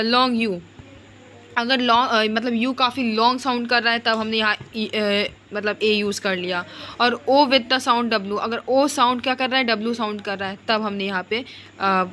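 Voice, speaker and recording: Bright-voiced woman teaching grammar. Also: a little high, slight background noise. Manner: repeats words to explain, many fillers and restarts, mixes English into Hindi. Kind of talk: explanatory online lesson.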